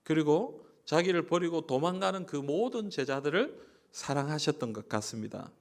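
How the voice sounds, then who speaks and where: A man from Busan with a Gyeongsang accent, preaching a sermon as pastor, moving between soft conversational asides and emphatic, rising lines. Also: medium pitch, vocal fry. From Busan, South Korea. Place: church sanctuary.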